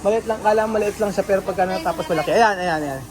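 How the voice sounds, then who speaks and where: A man's voice: high voice, fast, noisy background. A man from the Philippines vlogging casually in a house under renovation, chatting to his viewers with many fillers and restarts. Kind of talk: casual vlog commentary to viewers.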